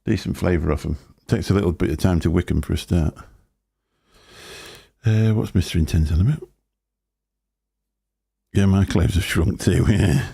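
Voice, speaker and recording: A man with a deep, booming voice hosts a casual live stream, rambling from topic to topic and chuckling to himself into a desk microphone run through a mixer. His tone is dark and husky with vocal fry, at a moderate pace with frequent pauses.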